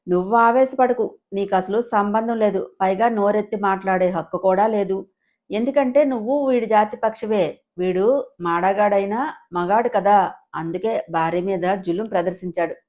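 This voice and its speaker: A woman voicing a furious young man who threatens and shouts to protect his mother. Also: medium pitch, moderate pace, highs cut off, natural voice.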